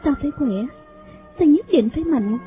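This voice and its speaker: A man reading an audiobook voices a frail, sickly young woman in a soft, tearful, pleading way. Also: extremely high pitch, lively intonation, normal speed, voice pushed up. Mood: sorrowful pleading. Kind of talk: audiobook character voice. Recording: phone-like sound, faint music.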